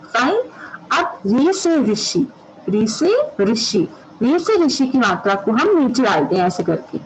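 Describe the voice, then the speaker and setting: A woman's voice: fairly high pitch, big pitch swings, slow, a little hiss or hum, low-quality recording. A woman kindergarten teacher giving an online class, drawing out each syllable patiently for small children.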